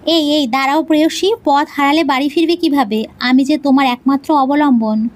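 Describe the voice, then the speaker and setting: A woman's voice: sits high, steady tone, normal speed, close to an everyday voice. A woman voicing an affectionate young husband who jokes and teases his wife. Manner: gently teasing.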